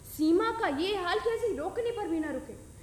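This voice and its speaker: A woman telling a comic story in the dastangoi style, lively and expressive, in an echoey room. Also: very high voice, moderate pace, slight background noise.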